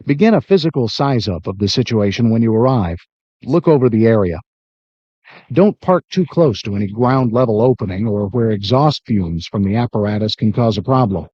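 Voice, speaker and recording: A man reads scripted instructional narration in a measured way, like a training video narrator. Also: fairly low pitch, lively intonation, mellow, dry recording. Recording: dull lo-fi worn videotape sound.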